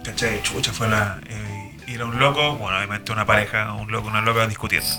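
A man's voice: lowish voice, steady tone, quick pace, music in the background. Slangy Chilean man telling a story. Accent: Chilean Spanish. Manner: slangy, full of fillers and repeated tags. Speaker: guest, driver. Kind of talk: casual storytelling chat.

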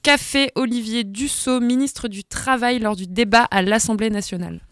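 Smooth-voiced woman in radio banter. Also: a little high, normal speed, dry recording, studio quality. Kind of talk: casual radio chat.

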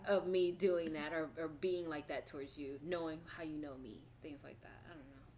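A woman's voice: deep voice, expressive, moderate pace, vocal fry, darkish tone, slight background noise. A woman co-hosting a casual podcast, speaking candidly and trailing off into asides. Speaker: podcast co-host.

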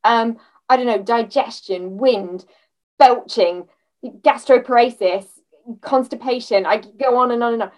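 A woman's voice: fairly high pitch, measured pace, recorded from a distance, low-quality recording. A woman hosting a conversational interview, asking long, thoughtful, reflective questions. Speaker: podcast host.

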